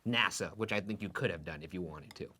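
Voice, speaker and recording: A man's voice: low-pitched, fast, bright, forceful tone, husky. A man co-hosting in casual banter, spinning playful hypothetical scenarios. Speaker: co-host.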